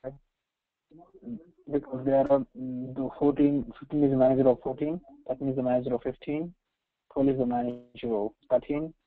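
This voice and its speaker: Gravelly and mid-range, the voice of this Indian-accented trainer leads a step-by-step software tutorial on a shared screen. He hesitates, repeats himself, and frequently asks "right?" or "okay?" The room echoes, and the lo-fi sound is slightly dull.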